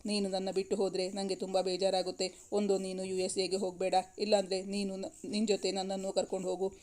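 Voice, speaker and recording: A woman's voice: mid-range voice, completely flat delivery, quick pace, a little mellow, natural voice. A woman voicing a tearful young woman who pleads with her lover in a read-aloud romance story. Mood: pleading.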